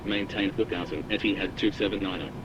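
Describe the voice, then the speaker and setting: A man's voice: low voice, fairly even intonation, fast, background noise. A man speaking as an airline pilot over a cockpit headset radio, giving clipped radio readbacks. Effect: pilot radio heard through a cockpit headset. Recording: muffled radio channel.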